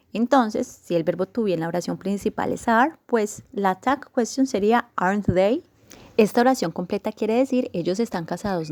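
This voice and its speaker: A woman teaching an English grammar lesson in Spanish, explaining patiently step by step and slowing down to model example sentences. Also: mid-range voice, a little mellow, no room sound.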